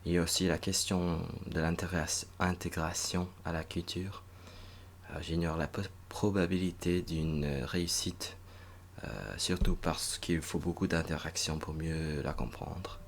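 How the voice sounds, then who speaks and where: Very deep, gravelly-voiced young man musing. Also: little pitch movement, slight background noise. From United States (northern Virginia). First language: English. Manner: hesitant, many filler pauses and restarts. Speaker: recent master's graduate vlogger. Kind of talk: unscripted reflective monologue.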